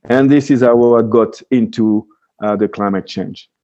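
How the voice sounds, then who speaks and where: A man's voice: fairly low pitch, unhurried, mellow, muffled recording. A man from Switzerland whose first language is French, a freeride skier speaking as a guest in a casual interview, with frequent restarts and fillers. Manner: hesitant, many restarts and fillers.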